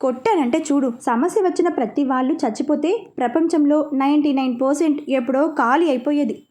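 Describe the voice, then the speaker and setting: A woman's voice: sits high, a little fast, warm tone, close to an everyday voice. A woman voicing a caring, firm woman who comforts and questions a crying friend.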